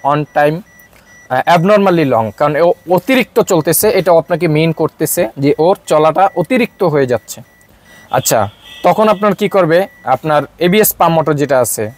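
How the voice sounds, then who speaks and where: A man with a Bangladeshi accent, a car mechanic explaining a fault while he works, with many filler sounds. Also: a little high. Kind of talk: workshop demonstration.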